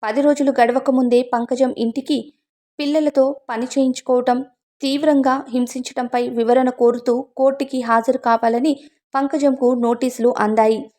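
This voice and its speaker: Woman storyteller for an emotional audiobook, earnest scripted narration, voice sits high. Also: level tone, moderate pace, mellow.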